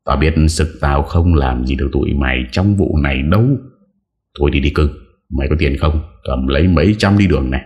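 A man's voice: rumbling low, brisk, darkish tone, muffled recording. A man voicing a stern young martial-arts master who gives curt, firm orders. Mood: commanding. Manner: curt, commanding.

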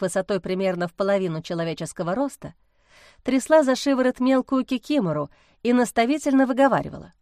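A woman's voice: mid-range voice, darkish tone, no echo, clean studio sound. Woman reading a fairy-tale audiobook. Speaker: audiobook narrator. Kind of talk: scripted narration.

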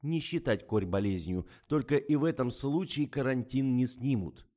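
A man's voice: mid-range voice, moderate pace, mellow, pitched above the performer's own voice, close to an everyday voice. A man voicing a stern male ambulance doctor in an audiobook, speaking in an official, brusque, insistent way. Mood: irritated.

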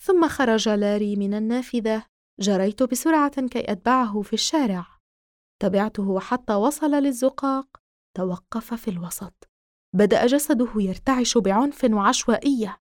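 Woman, audiobook narrator, first-person horror story, measured reading, slightly high voice, dry close sound. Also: no room sound.

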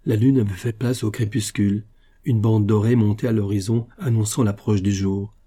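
Husky dark-voiced male narrator. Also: lowish voice, fairly even intonation, moderate pace. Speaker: audiobook narrator. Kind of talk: audiobook narration of a classic novel.

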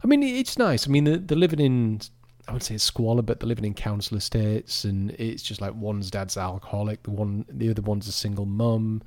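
A man's voice: fairly low pitch, fairly quick, hardly any pauses, a little mellow, no room sound. A man co-hosting a podcast, rambling and chatty, often restarting his sentences. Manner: rambling, chatty, self-interrupting. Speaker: podcast co-host. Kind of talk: casual chat.

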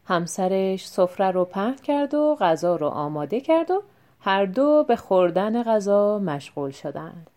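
Mellow-voiced woman narrating a folk tale. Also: medium pitch, sing-song. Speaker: audiobook narrator. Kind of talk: scripted storybook narration.

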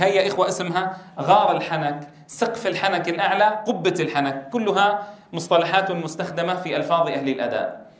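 Man, Quran recitation teacher, fairly high voice, quizzes the class and sounds out letters loudly, echoey room. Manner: drills letter sounds aloud, asks the class questions; loud stressed demonstrations of letters. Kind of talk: tajweed lesson to trainee teachers.

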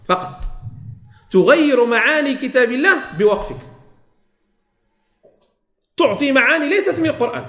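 A man's voice: extremely high pitch, big pitch swings, moderate pace, pauses often, a bit bright. A man with a Moroccan Arabic accent teaching Quran recitation, explaining points, repeating key phrases and quizzing his students. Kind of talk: religious lesson explanation. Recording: echoey room.

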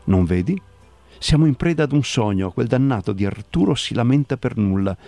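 A man voicing a calm old man who drinks liquor and shrugs off the fuss around him, in a radio story reading. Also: medium pitch, no room sound, close to an everyday voice. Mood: easygoing. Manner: easygoing, unhurried.

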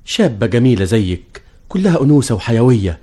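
An actor with an Egyptian accent playing a flattering middle-aged suitor in an old radio drama. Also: male voice, mid-range voice, brisk. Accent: Egyptian Arabic. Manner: flattering, wheedling.

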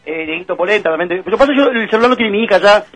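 Quick high-voiced Uruguayan man joking. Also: a bit bright, faint music behind. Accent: Uruguayan Spanish. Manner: playful, teasing, laughs often. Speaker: radio sports show co-host. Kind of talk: joking radio banter.

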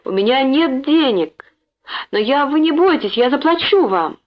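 A woman's voice: sits high, animated, unhurried, voice pushed up. A woman voicing a polite woman teacher and mother who pleads in a raised voice, in a dull lo-fi recording. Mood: pleading.

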